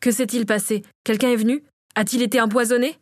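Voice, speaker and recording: A woman's voice: on the high side, steady tone, quick pace, no echo, lightly acted. Woman reading worried lord, man figure, insistent questions, dry close voice. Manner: pressing and insistent. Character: anxious lord, man, earnest and protective.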